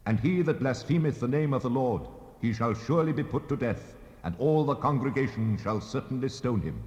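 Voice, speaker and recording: A man playing God in a dramatized scripture recording, handing down laws in a solemn, measured, commanding manner. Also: mid-range voice, lively intonation, a little mellow, slightly rough, lo-fi sound. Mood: stern, solemn. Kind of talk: dramatized King James scripture reading. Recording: long hall reverb, 1970s cassette rip.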